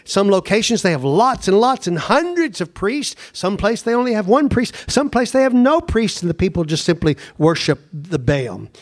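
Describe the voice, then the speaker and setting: A pastor preaching a conversational sermon, slowing down to stress words and then rushing ahead. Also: male voice, high voice, sing-song. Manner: conversational preaching, speeds up and slows down for emphasis.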